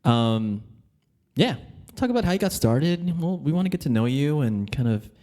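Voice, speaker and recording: A man's voice: a little high, big pitch swings, moderate pace, warm tone. A man co-hosting a podcast in casual chat who laughs a lot and says "like" often. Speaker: co-host. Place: home, talking remotely.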